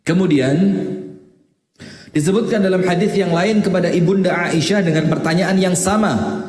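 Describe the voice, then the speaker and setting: A man's voice: high voice, normal speed, darkish tone. Male preacher, chatty and joking, reciting verses; roomy echo. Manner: joking, chatty, mixes in Javanese words. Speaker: Islamic preacher. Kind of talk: casual sermon with Quran recitation. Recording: echoey hall.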